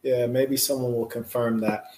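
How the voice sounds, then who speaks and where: A man's voice: medium pitch, flat delivery, moderate pace, noisy background. Slangy joking man in an echoey room. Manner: slangy, jokey, laughs often. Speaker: podcast host. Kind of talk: casual chat.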